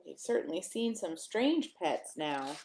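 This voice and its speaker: A lower-voiced woman reads a picture book aloud at children's storytime, expressive and sing-song, with emphatic pauses and small asides to the listeners. The audio quality is poor, with slight background noise.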